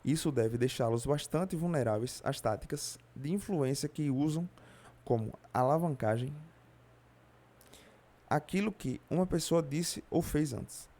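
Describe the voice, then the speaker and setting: A man with a Brazilian Portuguese accent reading a nonfiction audiobook aloud in a steady way, now and then slipping on a word and correcting himself. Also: a little high, measured pace. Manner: steady reading with occasional slips and self-corrections. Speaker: audiobook reader.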